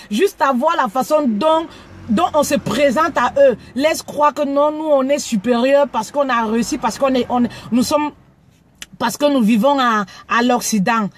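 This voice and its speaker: Woman, from Cameroon, live stream host, frank, stammers and repeats words, high voice. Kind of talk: casual live video talk.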